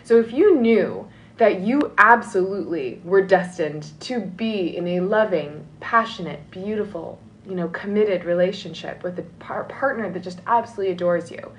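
A woman's voice: mid-range voice, lively intonation, moderate pace, hardly any pauses, slight background noise, low-quality recording. A woman talking as a love and dating coach in a motivational podcast monologue, earnest and encouraging, often checking in with "right?".

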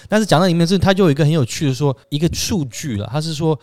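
A man's voice: a little high, rapid-fire, a little mellow, dry recording. A man with a Taiwanese accent hosting a casual discussion, explaining in a rambling way and often restarting his phrases. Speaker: talk show host.

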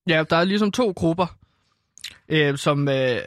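A man's voice: on the high side, a bit bright, no echo, studio quality. A man talking football on a radio show, casual and hesitant with many ums. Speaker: football pundit.

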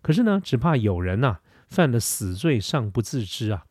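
Man doing an aged fortune-teller, calm and cold, measured warning, very dry close sound, storytelling podcast. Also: mid-range voice, breathy edge, no room sound. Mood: coldly warning. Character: calm old male fortune-teller, coldly knowing. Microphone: close studio microphone.

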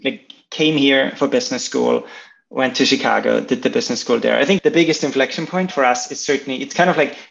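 A man's voice: mid-range voice, brisk, creaky, a bit bright. A man from Austria, a startup founder, answering interview questions in a chatty, casual way. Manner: chatty, lots of "like" fillers. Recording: dull lo-fi audio.

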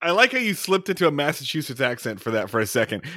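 Lively, higher-voiced man riffing on a podcast. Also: fast, no echo, studio quality. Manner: playful, bursts into silly voices. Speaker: podcast co-host. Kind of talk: casual comedic chat.

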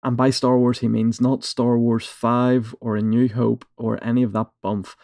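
A man's voice: mid-range voice, level tone, normal speed, gravelly, dark tone, no echo, studio quality. A man with a British accent, hosting a podcast in a casual chat and putting questions to the others. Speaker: podcast host reading questions.

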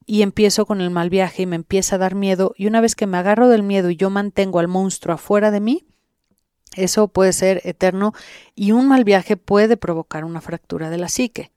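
Clear-voiced Mexican woman explaining, dry sound. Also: mid-range voice, fairly quick, mellow, no room sound. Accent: Mexican Spanish. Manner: instructive, addressing the listener directly. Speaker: interviewed guest who guides sessions. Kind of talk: explanatory podcast interview.

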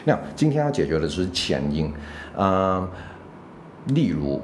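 A man's voice: low voice, big pitch swings, measured pace, a little hiss or hum. A man with a Taiwanese Mandarin accent teaching English pronunciation in a casual spoken lesson, explaining patiently and dropping English fillers like OK and right. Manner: explains patiently, with frequent check-ins.

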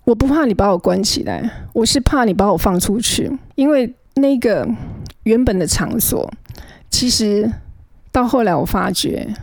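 A middle-aged woman appears as a guest, earnestly and emotionally recounting her own past, often stammering as she restarts sentences. Her medium-pitched voice is creaky and darkish on a dry recording.

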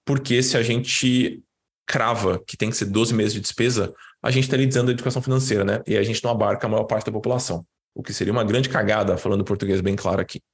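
A financial educator with a Brazilian accent leads an online class, giving an informal, didactic live lesson and repeating words for emphasis conversationally. His voice is on the low side with a breathy edge, fast and fairly even in intonation.

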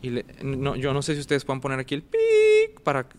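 Animated man telling a story. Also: mid-range voice, fairly quick. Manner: animated, acts out dialogue and sounds. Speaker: guest telling his vocation story. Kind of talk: casual storytelling.

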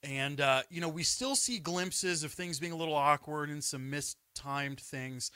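A man's voice: a little high, a little slow, sharp tone, smooth, dry recording, clean studio sound. A man co-hosting a wrestling podcast, speaking with eager enthusiasm and frequent restarts. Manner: enthusiastic, hesitant restarts, earnest. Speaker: podcast co-host. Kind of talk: casual wrestling recap chat.

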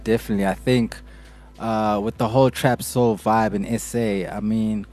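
A South African man speaks in a fairly low voice on a podcast panel. His delivery is casual and full of little conversational tags, with music faintly behind him. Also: fairly even intonation, normal speed, a little mellow. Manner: often tags phrases with "you know". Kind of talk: casual discussion.

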